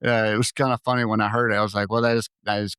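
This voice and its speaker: A man's voice: on the low side, little pitch movement, very fast, a bit bright, clear, resonant tone, no echo, clean studio sound. A middle-aged man co-hosting a podcast, telling stories and jokes in a rambling, casual way and laughing at his own punchlines. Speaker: podcast co-host. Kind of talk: casual chat.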